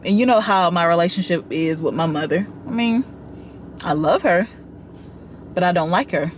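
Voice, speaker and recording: Animated woman commentator, casual and direct with her audience, faint background noise. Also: lowish voice, normal speed. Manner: animated, talks straight to viewers with slang and asides. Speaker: commentary vlogger.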